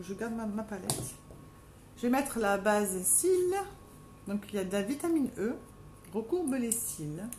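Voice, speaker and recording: A middle-aged woman with a Marseille accent, doing her makeup live at home and chatting casually with viewers by name, self-mocking, with a strong, deep voice. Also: a little mellow, a little hiss or hum. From Marseille, France. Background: dogs playing now and then.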